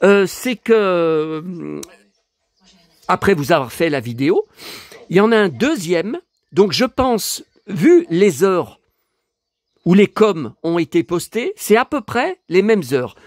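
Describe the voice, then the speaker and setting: A YouTuber addresses his viewers directly in a casual home vlog, rambling and indignant, stumbling over fillers and restarts. His high voice jumps around a lot in a slow, sing-song way. The recording is close and dry, with no room echo.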